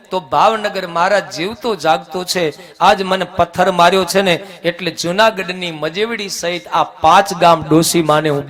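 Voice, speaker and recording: A man's voice: high-pitched, bright, forceful tone. A man voicing a just, compassionate king who questions earnestly and proclaims his judgment to the court.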